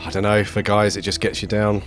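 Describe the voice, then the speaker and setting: A man hosting a casual podcast, his voice croaky and raspy from a head cold, a touch of man flu. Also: on the low side, monotone, fairly quick, soft background music. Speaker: podcast host.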